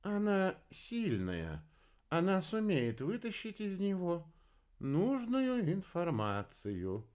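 Drawling, absent-minded astrologer, pitched up and slowed down, put on by a male reader. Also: wildly swooping pitch, a little mellow, clean tone, full character voice. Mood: vague, drawling. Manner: slow, drawn-out, raised pitch. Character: eccentric befuddled male astrologer, slow and vague.

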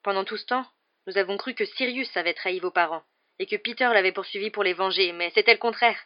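A woman voicing a calm grown man, a teacher who explains steadily, in a dull, muffled audiobook recording. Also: mid-range voice, fast, close to an everyday voice. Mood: urgent.

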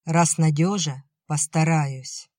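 A man voicing a gentle young villager leaving for war, soft and reassuring, in a storybook reading. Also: fairly high pitch, steady tone, slow, dry recording, studio quality.

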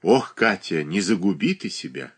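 A man reading aloud, voicing a gentle, timid older mother who speaks softly and anxiously. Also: low-pitched, expressive, moderate pace, husky, heavily acted.

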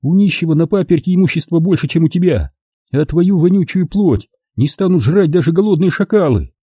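A man's voice: a little high, lively intonation, a little fast, mellow, breathy edge, dry recording. A man voicing a curt, cutting woman teacher, the heroine of the story. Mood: angry, scornful. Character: sharp-tongued woman teacher, the brother's sister.

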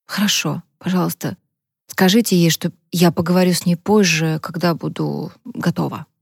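A woman's voice: lowish voice, normal speed, creaky, husky, dry recording, studio quality. Tearful heartbroken young woman, as a female reader puts her on. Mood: subdued.

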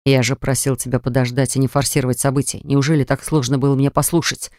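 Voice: medium pitch, steady tone, a little fast, smooth, no echo, clean studio sound, close to an everyday voice. A reader voicing a cold, stern grown son who speaks in a clipped, scolding way, in an audiobook. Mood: icy. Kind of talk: audiobook character voice.

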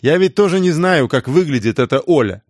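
A man's voice: on the high side, lively intonation, a little fast, no echo, studio quality, pitched above the performer's own voice. A man voicing a brash, mocking older brother. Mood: gruff. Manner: loud, exasperated outbursts.

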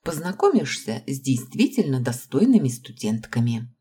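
A woman voicing a snobbish, gossipy young female student who talks in a sharp, scornful way, in an audiobook. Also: extremely low pitch, big pitch swings, moderate pace, husky, full character voice. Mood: cheerful.

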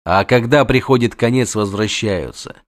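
A man voicing a calm, laconic male monster hunter who speaks flatly and without hurry. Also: close to an everyday voice. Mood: dismissive. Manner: flat, low, unhurried and dry.

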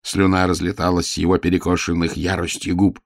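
A man reading a story aloud in a dramatic, lively way. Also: low voice, brisk, no room sound, studio quality. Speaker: audiobook narrator. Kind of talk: expressive storybook narration.

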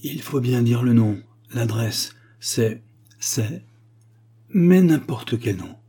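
A man reading aloud, voicing a weary, remorseful dying father who dictates in a halting, pleading way. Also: medium pitch, lively intonation, dark tone, breathy edge, full character voice.

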